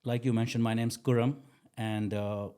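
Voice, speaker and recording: Forties man from Dubai, mortgage consultant guest, warm low-brightness voice, easygoing and self-deprecating. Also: level tone, moderate pace, smooth. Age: 40s. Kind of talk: casual interview talk.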